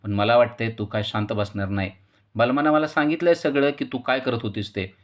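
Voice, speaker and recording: A stern older man scolding his family in a loud, rising voice, as a male narrator puts him on. His anger climbs from line to line, sharp and commanding. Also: fairly low pitch, level tone, fairly quick, lightly acted. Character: angry elderly man, stern family head.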